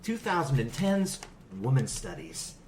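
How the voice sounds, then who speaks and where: A man's voice: medium pitch, huge pitch swings, measured pace, crowd noise. A man hosting a comedy movie-review podcast, talking in a mock-earnest, joking way and often laughing. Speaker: podcast host.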